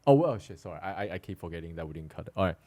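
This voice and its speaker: Lower-voiced male co-host with an accent. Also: lively intonation, racing, warm tone, dry recording. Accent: non-native English. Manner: loose, non-native grammar with frequent backchannel okays. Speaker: podcast co-host. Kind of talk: casual chat.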